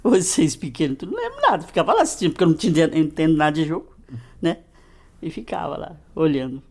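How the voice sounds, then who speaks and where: An older woman in her sixties with a Brazilian Portuguese accent tells family stories in a casual interview. Her pitch sits low but swings widely as she tells them. She talks in an animated way and laughs often. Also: fast, vocal fry. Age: 60s. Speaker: interviewee, narrator's mother.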